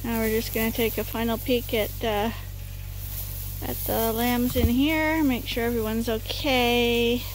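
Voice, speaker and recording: A Canadian woman who farms sheep chats to the camera in a casual vlog as she walks around her snowy farm and barn, coaxing her animals and laughing often. Her slightly high voice is steady and a little slow. The outdoor recording is noisy, with sheep bleating and farm ambience.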